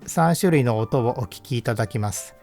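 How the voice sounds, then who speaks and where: A man narrates in a calm, measured and explanatory way, reading a scripted technical walkthrough as a voice-over. His pitch sits in the middle of the male range, and faint music plays beneath him. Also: vocal fry. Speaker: audio equipment reviewer.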